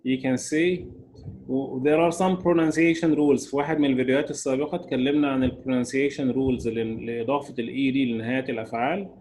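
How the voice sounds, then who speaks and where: A man teaching an English grammar lesson. He says the English examples slowly and carefully, then explains them quickly in Arabic. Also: medium pitch, fairly even intonation, a little mellow, slight background noise, poor audio.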